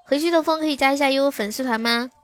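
A woman's voice: high-pitched, fast, dry recording. Chatty young woman streaming, close and dry. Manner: chatty, reads viewer comments aloud and answers them. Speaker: live-stream host. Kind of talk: casual live-stream chat with viewers.

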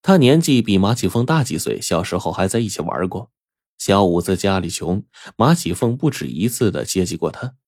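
A man telling a folk tale in an expressive, lively way, speaking close to the mic. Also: low voice, normal speed, no room sound. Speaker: storyteller. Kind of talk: oral storytelling.

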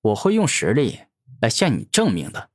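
A man's voice: mid-range voice, wildly swooping pitch, normal speed. Man doing a cocky taunting young hero. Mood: mocking. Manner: taunting, self-assured. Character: cocky mocking young male martial hero.

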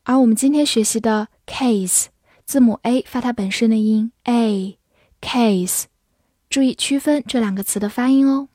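A woman teaching English vocabulary in Chinese, spelling each word out letter by letter and reading example sentences slowly. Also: on the high side, dark tone, no echo, studio quality. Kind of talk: vocabulary lesson.

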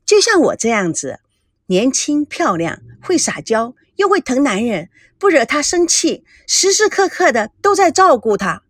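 A woman's voice: high-pitched, unhurried, no room sound, clean studio sound, voice pushed up, full character voice. A woman doing a cocky chatterbox teenage girl. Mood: teasing. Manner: coaxing, lively and know-it-all. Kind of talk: audiobook character voice.

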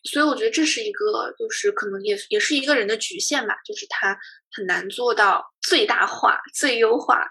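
A woman co-host in a relaxed podcast conversation who speaks thoughtfully and passes the floor to others. Her voice is bright and forward. It also has a breathy edge. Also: on the high side, brisk, low-quality recording. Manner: thoughtful, hands over questions. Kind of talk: casual chat.

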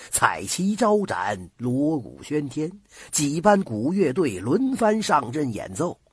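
Husky man telling a folk tale. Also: darkish tone, no room sound. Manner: dramatic, sweeping pitch. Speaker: storyteller. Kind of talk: folk ghost story narration.

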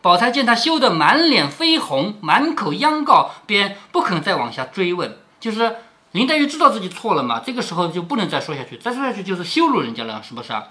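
A man's voice: sits high, very animated, brisk, sharp tone. A man reading a classic novel aloud to his daughter, stopping to explain each passage in plain words and asking rhetorical questions. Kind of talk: storytelling with explanations.

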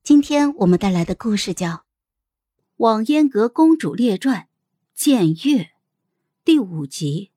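A young adult woman narrates a first-person story as an audiobook host, in a measured and expressive way. Her voice sits fairly high and moves a lot in pitch. The recording is dry and close, with no room sound. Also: no echo.

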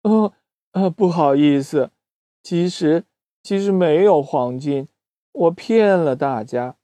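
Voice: medium pitch, lively intonation, slow pace, mellow, dry recording. A storyteller voicing an eager young boy chick in a children's story. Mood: anxious. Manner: eager, earnest.

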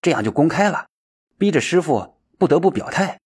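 A man's voice: fairly high pitch, animated, a little fast, slightly rough, pitched above the performer's own voice. A man doing a shrewd, sceptical monk.

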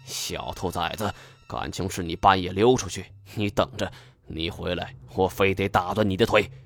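A man voicing a coarse, bad-tempered rural husband who talks gruffly and swears. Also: low voice, moderate pace, fairly bright tone, soft background music. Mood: menacing.

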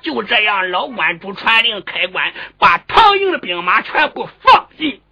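A man's voice: high voice, big pitch swings, normal speed, pushed and bright, breathy edge, faint music behind. A man performing traditional chanted storytelling, rhythmic and emphatic.

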